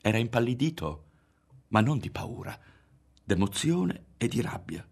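A man narrating a literary novel in a dramatic, expressive reading with voiced characters. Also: mid-range voice, measured pace, breathy edge. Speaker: audiobook reader.

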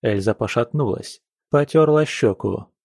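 A man narrating an audiobook in a measured, even storytelling manner. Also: mid-range voice, vocal fry, dry recording, studio quality.

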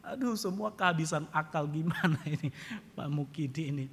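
A man's voice: fairly high pitch, normal speed, slightly rough. A male pastor preaching a sermon in a church, telling a humorous story and turning it into an emphatic lesson. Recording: reverberant church hall.

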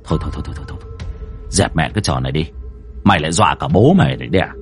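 A man's voice: extremely low pitch, animated, rapid-fire, faint music behind, voice pushed down. A man voicing a brash young male ghost-catcher in an audio story, who swears and barks orders. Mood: scornful. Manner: shouting, swearing, bossing.

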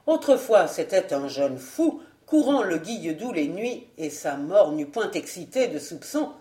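A woman voicing a scheming, hot-tempered male nobleman in an audiobook, blustering and then falsely smooth. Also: on the low side, very animated, measured pace, warm tone, echoey room.

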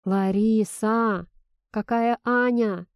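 A brooding, possessive young man, voiced by a woman reading a romance audiobook. His lines come low and purring with a quiet menace, and the tone is dark and mellow. The recording is dry and close. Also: steady tone, moderate pace, no room sound, natural voice. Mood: exasperated.

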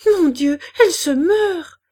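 A woman voicing a frantic young mother who cries out in high, loud panic over her sick child in an audiobook. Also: steady tone, normal speed. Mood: panicked.

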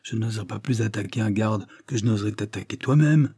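A man's voice: on the low side, brisk, dark tone, husky, dry recording, studio quality. A man reading an audiobook, voicing an evasive young husband who protests and reassures with forced cheer. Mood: agitated reassuring.

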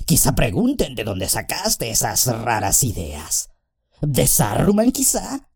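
A soft, sweet-voiced but malevolent orc messenger, as a male narrator voices him, drawling slowly and swooping all over his pitch as he mocks. A husky, insinuating sneer runs through every line. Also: wildly swooping pitch, exaggerated voice. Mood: mocking. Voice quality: softer, sweeter than the others. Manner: sneering, mocking. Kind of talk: audiobook character voice.

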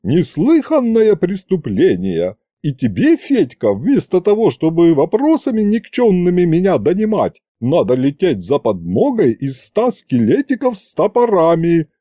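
A man voicing a brash, indignant older woman who shouts in folksy dialect speech. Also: on the high side, no echo, clean studio sound, pitched above the performer's own voice, exaggerated voice.

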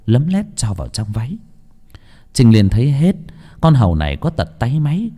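A man narrating an audiobook in an expressive storytelling manner. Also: mid-range voice. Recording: long hall reverb.

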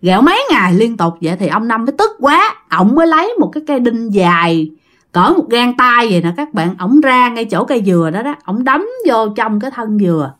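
Chatty woman storyteller, bright animated delivery, talks to listeners directly. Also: a little high, fairly quick. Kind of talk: casual ghost story telling.

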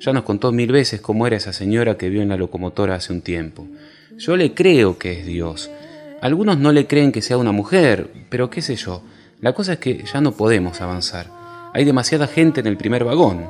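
A man narrates a poetic story in a fairly low voice. His delivery is dreamy and wondering, his pitch moves a lot, and a soft cello plays behind him. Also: animated, a little fast. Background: soft cello music.

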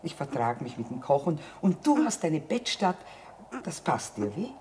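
A stubborn, commanding mother who lives by her trading wagon. Her voice sits a little low and her talk is blunt and earthy. It is stage-like radio drama with slight background noise. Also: big pitch swings, normal speed, a little mellow. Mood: firm, weary.

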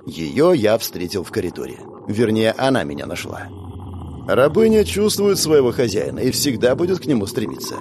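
Guy narrating a story in first person, wry crude asides, animated pitch. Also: normal speed, background noise. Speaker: audiobook reader.

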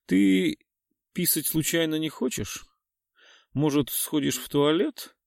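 A man's voice: fairly high pitch, slow pace, vocal fry, darkish tone, no echo, clean studio sound, pitched above the performer's own voice. A man reading an audiobook, voicing a playful, demanding young woman in a raised voice. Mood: curious. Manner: teasing, demanding.

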